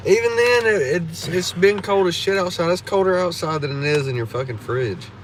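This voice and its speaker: A man's voice: sits high, normal speed, slight background noise. A man chiming in with crude, offhand banter from away from the microphone. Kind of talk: casual banter.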